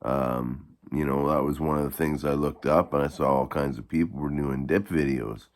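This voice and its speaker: A man with a gravelly voice giving a rambling, halting, casual product review in the manner of a video blogger. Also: extremely low pitch, steady tone. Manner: halting, rambling delivery with repeated false starts.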